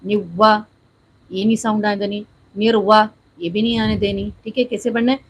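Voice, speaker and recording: A woman teaching Quran recitation step by step. She explains each sound, demonstrates with slow drawn-out recitation, and keeps checking in with the listener. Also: mid-range voice, fairly even intonation, a little mellow, slight background noise, poor audio.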